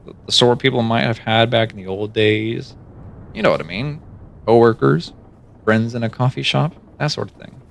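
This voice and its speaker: A man voicing a gloomy, sardonic dead man who mutters low and grumbles at his visitor. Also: moderate pace, creaky, lightly acted.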